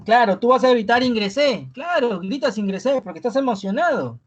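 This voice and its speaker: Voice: medium pitch, sing-song, slightly rough. Docente con acento peruano, muletilla "¿no?". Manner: tags nearly every phrase with a questioning "¿no?"; repeats key words and examples slowly for emphasis. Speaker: teacher. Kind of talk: live online review class.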